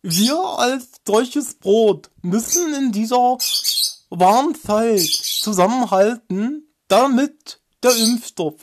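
A woman's voice: on the high side, lively intonation, a little mellow. A woman doing a pompous talking bread. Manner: slow mock-official speech. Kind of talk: comic fairy tale parody.

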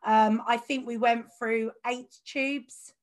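A woman's voice: a little high, steady tone, slow pace. A young woman hosting a podcast, chatting casually and often murmuring agreement while her guest speaks. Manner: chatty, frequent affirming murmurs. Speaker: podcast host. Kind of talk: podcast interview.

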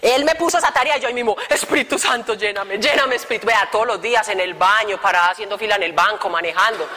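Lively woman, bright voice. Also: mid-range voice, very fast. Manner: animated, joking, colloquial, playful asides. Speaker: speaker giving testimony to youth. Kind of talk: lively testimony talk. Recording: reverberant hall.

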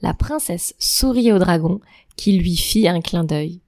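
A woman narrating a fairy tale aloud in a calm, even storytelling manner. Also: lowish voice, measured pace, no room sound, studio quality.

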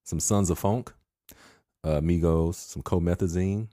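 A young man with a very low, deep voice, talking loosely as a podcast co-host. He is relaxed, chuckles often and keeps urging listeners to subscribe. The sound is dry and close, with no room behind him. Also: unhurried, dry recording. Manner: laid-back, laughs often, plugs the show. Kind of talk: casual chat.

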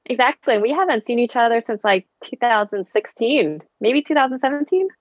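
Speaking as a friendly guest on a podcast over a video call, this woman in her thirties is a physical therapist and running coach; she was born in Vietnam, raised in the Bay Area, and grew up speaking Vietnamese first. Her fairly high voice has lively intonation and a brisk pace in this casual interview chat. There's no room sound, though the video-call audio is dull.

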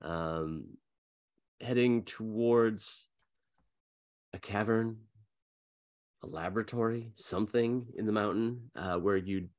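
A man running a tabletop game as game master, narrating in a casual, halting, informal way. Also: low voice, darkish tone.

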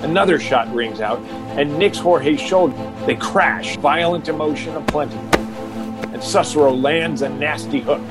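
A man's voice: on the high side, measured pace, loud music behind the voice, low-quality recording. A man narrating an audio drama in a dramatic, scripted style.

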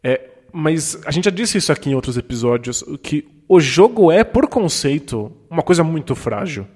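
A man's voice: on the high side, big pitch swings, normal speed, darkish tone. A man with a Brazilian accent co-hosting a podcast, explaining ideas thoughtfully with frequent restarts. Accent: Brazilian Portuguese. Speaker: podcast co-host. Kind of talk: casual discussion. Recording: long reverb.

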